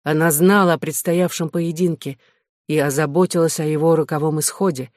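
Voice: mid-range voice, steady tone, fairly quick, a little mellow, no echo, clean studio sound, natural voice. A reader voicing an earnest, proud young man in a plain, sincere delivery. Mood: brooding. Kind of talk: audiobook reading.

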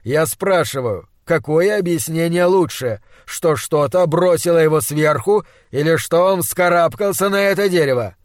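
A man voicing a stern, weary doctor who speaks slowly and gravely. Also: on the high side, lively intonation, no room sound, studio quality, close to an everyday voice. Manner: slow, measured, grave.

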